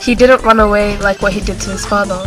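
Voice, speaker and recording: A woman's voice: mid-range voice, fairly even intonation, fast talker, over music. A young woman giving casual, conversational rebuttals in an informal book debate. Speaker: student debater.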